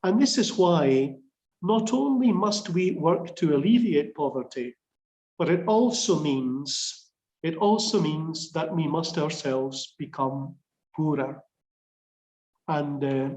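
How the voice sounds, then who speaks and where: A man with a Scottish accent speaks as a priest, earnest and plain-spoken, pausing now and then to find his words. His voice sits fairly high for a man. The video call sound is roomy, with some echo. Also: a little mellow. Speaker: priest giving a reflection. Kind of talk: unscripted reflective talk.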